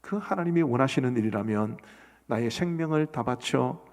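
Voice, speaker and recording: A man's voice: mid-range voice, lively intonation, normal speed, a little mellow. A middle-aged man preaching a sermon as pastor, earnestly asking his congregation questions. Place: church sanctuary. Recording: long church hall reverb.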